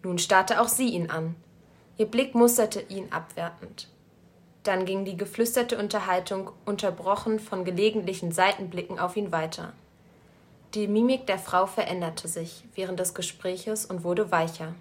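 A woman narrating a story aloud in a calm, measured storytelling voice. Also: medium pitch. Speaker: story reader.

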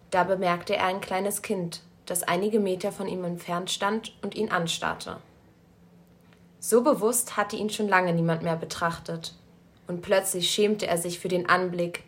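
A story reader narrates aloud in a calm, measured storytelling voice of medium pitch.

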